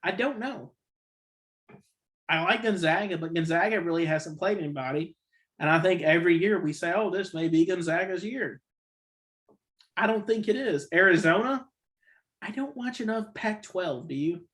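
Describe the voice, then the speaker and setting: A man's voice: sits high, moderate pace, long pauses, fairly bright tone. A man hosting a casual sports podcast, rambling and opinionated, correcting himself often, with the hiccups. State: has the hiccups. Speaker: podcast host.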